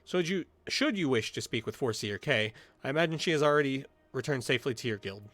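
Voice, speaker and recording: A man's voice: mid-range voice, expressive, fast, a bit bright, close to an everyday voice. A man reading the lines of a stern port city military officer from a fantasy game, in a formal, report-like delivery close to his own voice.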